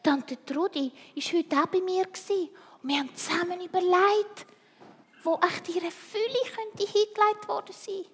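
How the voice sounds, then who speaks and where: A woman voicing a gentle mother mouse in a storybook reading, soft-spoken. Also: very high voice, a little slow, long reverb tail, voice pushed up. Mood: sympathetic.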